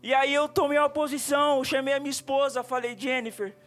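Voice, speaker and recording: A man preaches a testimony sermon in a church, and his voice sits unusually high for a man. He tells his story earnestly and with feeling. Soft music plays faintly behind him. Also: level tone, fast talker. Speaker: pastor. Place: church sanctuary.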